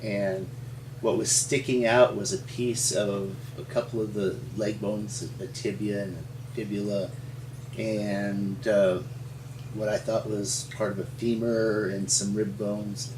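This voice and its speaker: A low-voiced man from Montana, the resident paleontologist, tells folksy, rambling stories with chuckles in an interview. He talks slowly with little pitch movement. The background is noisy, the room echoes, and the mic is distant.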